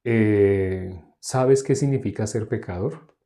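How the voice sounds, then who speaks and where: A man's voice: lowish voice, takes it slowly, mellow. A male preacher giving a teaching sermon in a conversational way, acting out back-and-forth dialogues with the people he talks to. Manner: conversational, acts out dialogues with listeners.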